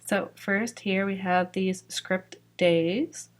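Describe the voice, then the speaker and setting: A young woman from Georgia who owns a sticker shop walks through her new releases in a casual, chatty way, peppering her speech with "like" and "um." Her mid-range voice is slow and steady in tone, and sounds slightly worn.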